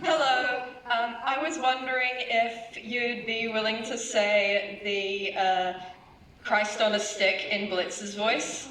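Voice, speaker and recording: A woman's voice: a little high, fairly even intonation, takes it slowly, a bit bright, a little hiss or hum. A woman asking a question from the audience, hesitant and full of fillers. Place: convention hall audience. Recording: echoey hall, distant mic, faint crowd ambience.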